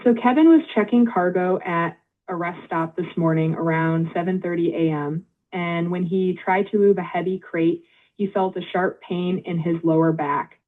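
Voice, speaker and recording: A woman's voice: on the low side, fairly even intonation. Automated phone-line woman's voice, tinny. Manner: polite, measured, reads back details. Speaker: AI phone intake agent. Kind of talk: scripted automated phone prompts.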